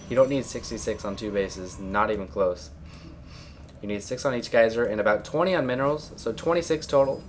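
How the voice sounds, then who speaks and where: A man at home giving blunt, chatty solo commentary on a strategy game, coughing and clearing his throat often. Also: fairly low pitch, slight background noise.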